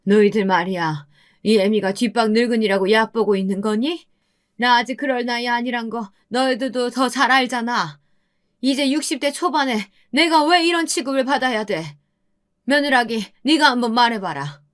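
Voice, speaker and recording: A woman's voice: on the high side, pitched above the performer's own voice, close to an everyday voice. Woman playing a frail mother-in-law in her sixties. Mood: scolding. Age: 60s. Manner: slow, pleading, then scolding. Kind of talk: storybook radio drama reading.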